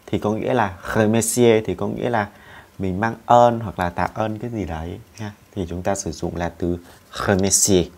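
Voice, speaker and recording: A man's voice: on the low side, steady tone, normal speed, creaky, a little mellow. A man teaching French in an online lesson, patiently spelling out letters and drilling verb forms aloud.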